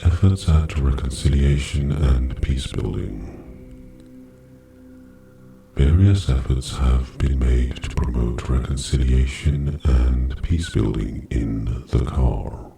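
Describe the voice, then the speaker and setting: Male narrator, very low and gravelly, unhurried and measured, recorded echoey and far off over music. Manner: measured, even reading with long pauses. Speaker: meditation narrator. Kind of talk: slow scripted narration. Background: music, singing bowl.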